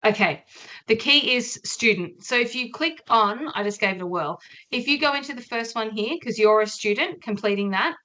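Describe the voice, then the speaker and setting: A woman's voice: fairly high pitch, animated, normal speed, sharp tone. An Australian woman lecturer running an online orientation session in a chatty, informal way over a video call. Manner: chatty, friendly, loose and informal.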